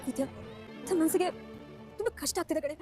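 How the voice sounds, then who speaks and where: A woman's voice: very high-pitched, rapid-fire, darkish tone. A young actress in a TV serial playing a heartbroken college girl in love, tearful and pleading. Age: young adult. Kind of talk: TV serial acting. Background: background music score.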